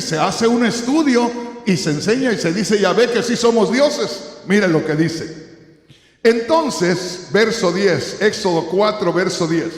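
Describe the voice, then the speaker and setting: A man preaching a sermon as pastor, putting rhetorical questions to his listeners. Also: high-pitched. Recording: echoey hall.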